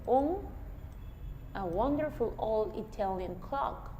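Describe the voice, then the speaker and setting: A woman's voice: on the high side, lively intonation, slow, warm tone. Peruvian-accented woman teacher, patient step-by-step explainer, echoing classroom with faint background hum. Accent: Peruvian Spanish. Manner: explains step by step, often quizzing students. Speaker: English teacher. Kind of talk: classroom lesson.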